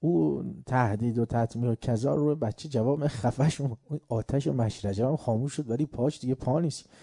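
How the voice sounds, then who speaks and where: A man lecturing on faith and upbringing in a deep, very dark and mellow voice, recorded close and dry. He hammers home lists of words, throws out rhetorical questions and slips into acted voices for his anecdotes. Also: creaky, husky, no echo. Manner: emphatic, repeats word lists, asks rhetorical questions; tells folk anecdotes, acting out the characters.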